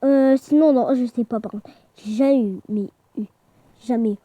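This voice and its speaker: A woman's voice: on the high side, moderate pace, warm tone, dry recording, dull audio. A woman chatting casually while playing a game with her brother, bossy and given to shrieks and teasing. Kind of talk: casual gaming chat.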